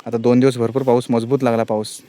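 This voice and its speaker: A man's voice: medium pitch, flat delivery, quick pace, dark tone. A man giving a plain, explanatory tour of a village lake outdoors, filmed on a handheld phone. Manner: plain explanatory tour-guide talk, pointing things out. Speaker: village vlogger. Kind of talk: casual walk-and-talk vlog.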